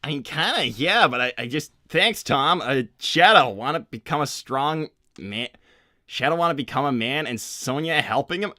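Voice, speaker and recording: A man's voice: on the high side, expressive, moderate pace, sharp tone, dry recording, clean studio sound. A man voicing a casual, slightly awkward young cartoon hedgehog, rambling hesitantly through an improvised livestream Q&A. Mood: awkward, friendly.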